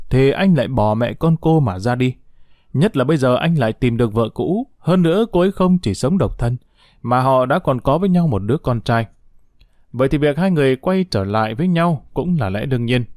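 A man narrating a dramatic family story with a brisk reading manner. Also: mid-range voice, mellow, no echo, clean studio sound.

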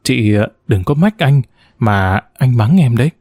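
A man's voice: mid-range voice, lively intonation, unhurried, a little mellow, breathy edge, dry recording, clean studio sound. A man reading a story and voicing a chatty young woman who pleads sweetly. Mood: wheedling. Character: coaxing, wheedling young woman, the adopted sister.

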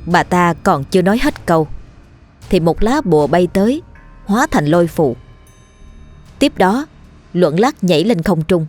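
Low-voiced woman narrating a ghost story. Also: moderate pace, pauses often. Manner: steady, vivid storytelling. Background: faint background music.

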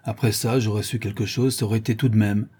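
A man voicing a rough, loyal Parisian ex-brawler who rambles in street slang. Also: lowish voice, steady tone, fast talker, warm tone. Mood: confiding.

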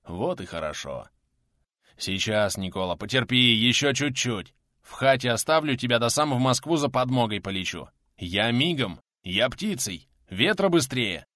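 Male narrator playing a loud, slow-talking bearded warrior with a swinging voice, dry close sound. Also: mid-range voice, expressive, no room sound, natural voice. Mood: worried.

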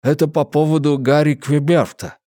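A hulking, timid giant voiced by a man reading aloud who slurs and mangles his words. His voice sits a little higher than usual and sounds pleading. Dry, close audiobook sound. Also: steady tone, normal speed, mellow, no room sound, close to an everyday voice.

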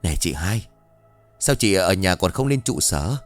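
A man voicing a loud, bossy middle-aged village neighbor woman in an audio ghost story. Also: deep voice, very animated, moderate pace, soft background music. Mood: urgent.

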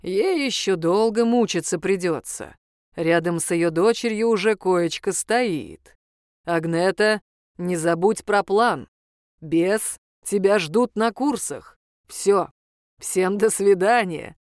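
A woman voicing a gruff, mocking male reaper who speaks curtly and drily. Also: medium pitch, slow pace, darkish tone, no echo, close to an everyday voice. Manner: dry, sarcastic, curt. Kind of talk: audiobook character voice.

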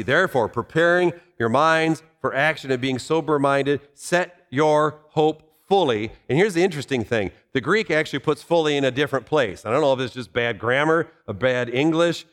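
A man's voice: fairly high pitch, fairly bright tone. A man preaching a sermon in a conversational way, explaining Bible verses with asides and rhetorical questions. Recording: long hall reverb.

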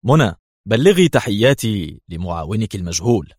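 A man voicing a calm, wry male intelligence chief. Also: fairly low pitch, normal speed, breathy edge, no echo, clean studio sound.

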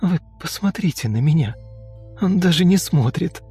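A man voicing a sulky, rude young woman who talks in a snappish, slangy way and turns shrill when upset. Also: very animated, unhurried, darkish tone, slightly rough, faint music behind, heavily acted. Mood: bitter.

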